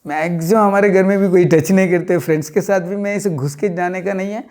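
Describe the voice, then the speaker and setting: Male interview guest, warm mellow tone, halting and repetitive storytelling, for a personal spiritual testimony. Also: high-pitched, steady tone, clean tone. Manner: halting, repetitive storytelling mixing in English words. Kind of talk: recounting a personal spiritual experience.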